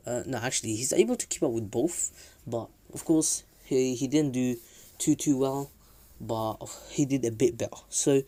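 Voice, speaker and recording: A man casually retelling a fan story, halting with many fillers and self-corrections. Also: medium pitch, dark tone, dry recording.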